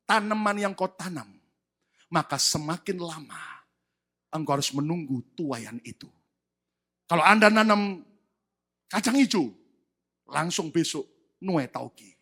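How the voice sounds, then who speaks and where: A man preaching a sermon as pastor, animated and emphatic, with sudden loud outbursts. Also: a little high.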